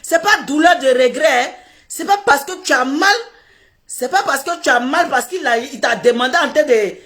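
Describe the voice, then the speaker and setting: A woman's voice: high voice, lively intonation, normal speed, fairly bright tone. A woman, telling a comic story and acting out little scenes while laughing through her words. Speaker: social media commentator.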